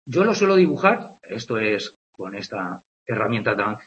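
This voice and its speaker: A man's voice: fairly low pitch, very animated, normal speed, fairly bright tone, dull audio, a little hiss or hum. A man with a Spain Spanish accent teaching a biology lesson online, chatty and constantly checking in with his students, drawing with a mouse as he explains with playful comparisons. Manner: conversational, checks in with "¿vale?" and "¿de acuerdo?". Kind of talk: online lecture with on-screen drawing.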